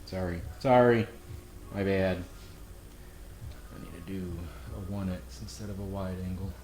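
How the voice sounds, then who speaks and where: A man with a low, darkish voice hosts a casual cooking vlog from his home kitchen, speaking a little slowly with fairly even intonation. The cooking channel host jokes at his own expense and chats to viewers, the echoey room carrying faint music and slight background noise.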